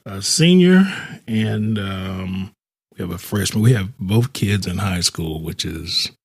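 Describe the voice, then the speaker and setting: A man's voice: low-pitched, animated, takes it slowly, creaky. A middle-aged man hosting a casual podcast chat in a studio, easygoing, with short agreeing replies. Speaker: podcast host and minister.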